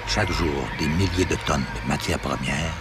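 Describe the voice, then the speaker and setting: A man's voice: very deep voice, normal speed, heavy background noise. A man giving grave, solemn scripted narration for a documentary.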